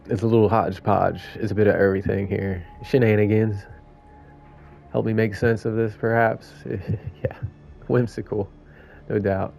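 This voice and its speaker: A man's voice: fairly low pitch, little pitch movement, normal speed, vocal fry, a little mellow. A man streaming a game, giving rambling, chatty commentary and laughing at himself. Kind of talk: casual gameplay commentary. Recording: muffled lo-fi audio, faint game music.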